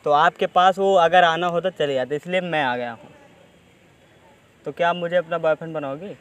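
A man's voice: a little high, normal speed. A young man hosting a street prank, teasing and cajoling in casual banter, outdoors in a park and caught by a distant hidden camera. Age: young adult. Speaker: prank video host.

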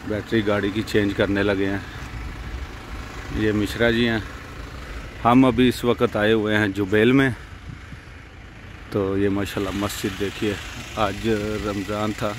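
A man's voice: fairly low pitch, noisy background. A young man vlogging casually at night by a roadside, showing things to the viewer on a handheld phone. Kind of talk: casual vlog narration.

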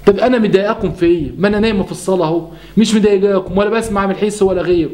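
A man's voice: high-pitched, rapid-fire, a little mellow, close to an everyday voice. A man voicing an old widowed mother with an Egyptian accent, meek and pleading. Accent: Egyptian Arabic. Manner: pleading, self-effacing.

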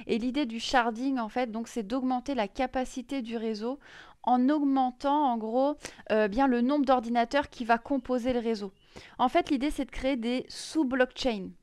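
A woman's voice: fairly high pitch, normal speed, darkish tone, clean tone, dry recording, clean studio sound. A woman presenting crypto news in a casual screen-share explainer, chatty and full of hesitations. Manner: many fillers and restarts, chatty.

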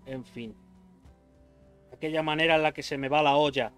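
A man's voice: on the high side, fairly even intonation, moderate pace, a bit bright, smooth. A man from giving frantic gameplay commentary, swearing, yelping and talking to himself during a boss fight. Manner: frantic, swearing, yelps and self-talk while fighting a boss. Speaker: gaming youtuber. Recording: faint game music behind.

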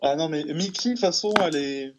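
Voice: mid-range voice, fairly quick, a little hiss or hum. A guest on a live stream, talking casually in a laid-back, easygoing way.

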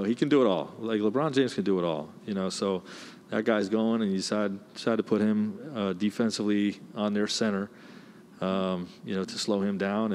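Man, 40s, head coach at a postgame presser; low voice, measured and filler-heavy, faint background noise. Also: darkish tone. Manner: measured, many "you know" fillers. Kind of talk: postgame press conference answers. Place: indoor press room. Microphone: desk mic, close.

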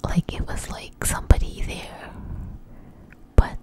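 A woman whispers a story slowly in soft, breathy ASMR style, right up against the mic. Her telling is conversational and hesitant.

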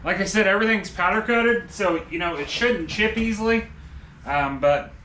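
A middle-aged man vlogs from a cluttered home garage, chatting casually about a product in a plain-spoken, laid-back manner. His voice is high-pitched, pushed and bright, at normal speed. The garage gives a roomy echo, and there is background noise.

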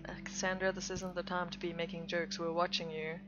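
A woman voicing a calm man soothing his upset partner, her delivery lowered and soft, on a slightly dull recording with faint music. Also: brisk, noisy background, natural voice. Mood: stern.

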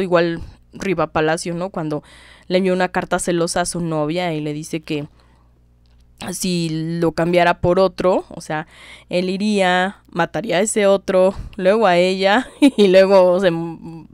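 A woman's voice: on the low side, smooth, no echo. A woman presenting history in a casual livestream, chatty, with many fillers and asides to her viewers, through a webcam.

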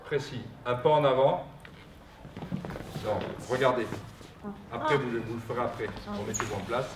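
A man's voice: mid-range voice, normal speed, background noise. Man coaching a drama class, heard from afar. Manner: earnest, searching for words with many fillers. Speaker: theatre workshop leader. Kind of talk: coaching pupils in a drama exercise. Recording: roomy sound from a distant mic.

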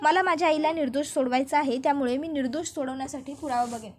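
Brief: stubborn young hero, a woman storyteller doing him, insistent, plain high voice. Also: quick pace, darkish tone, slight background noise, close to an everyday voice. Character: stubborn young man, proud, defending his mother.

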